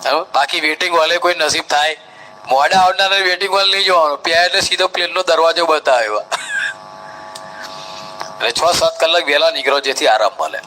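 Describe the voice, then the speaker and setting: Bright-voiced Gujarati man giving instructions. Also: on the high side, fairly quick, a little hiss or hum, low-quality recording. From India. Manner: instructive, step-by-step, mimics crowds. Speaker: Hajj trainer. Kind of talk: live training talk.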